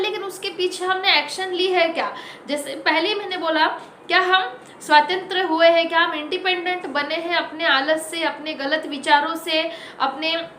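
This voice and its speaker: A woman hosting her own motivational talk, her voice very high and bright. She exhorts her listeners in short, emphatic bursts and repeats key lines for weight. The recording carries a roomy echo. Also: a little hiss or hum. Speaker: motivational speaker with own channel.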